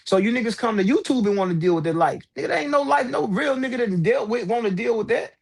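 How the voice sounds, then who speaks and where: A man's voice: extremely high pitch, animated, fast talker, creaky, breathy edge. A man hosting a livestream, talking loose and slangy over headset audio, addressing viewers directly. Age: adult with several children. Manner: loose, slangy, fired-up street talk. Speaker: livestream host. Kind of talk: casual livestream talk.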